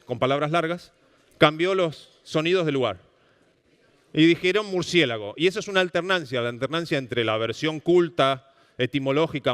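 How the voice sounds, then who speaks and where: A male lecturer from Argentina, speaking Rioplatense Spanish in a fairly high, clear voice, talks animatedly about language to a public audience in a cultural center's lecture hall. He keeps asking the room questions amid the hall's long reverb.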